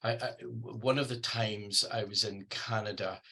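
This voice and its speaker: A man with a Scottish accent giving a presentation over a video call, pausing often with ums and restarting sentences. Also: fairly low pitch, steady tone, creaky, sharp tone, breathy edge. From Scotland. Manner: hesitant, many ums and restarts. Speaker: guest speaker. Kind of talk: online presentation talk.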